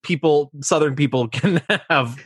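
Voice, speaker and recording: An American man in casual conversation about a film, thinking aloud with frequent restarts and lively rises in pitch. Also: unhurried, husky, no echo. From United States. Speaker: film discussion co-host.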